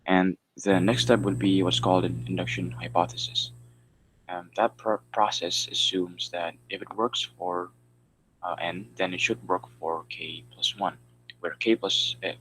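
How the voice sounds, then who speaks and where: A man's voice: low voice, steady tone, moderate pace, a bit bright, slight background noise, low-quality recording. A man giving a class presentation over a video call, explaining step by step with frequent fillers. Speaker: student presenter.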